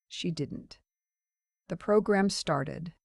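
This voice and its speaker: A woman in her sixties telling her own story in scripted first-person narration, calm and understated. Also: lowish voice, extremely slow, gravelly, dry recording, clean studio sound. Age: 60s.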